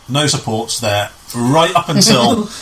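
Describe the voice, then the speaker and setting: This man is an amateur pantomime director telling stories casually as an interview guest, often restarting and repeating phrases while he explains things. He speaks slowly and expressively at a medium pitch, with a fairly bright tone.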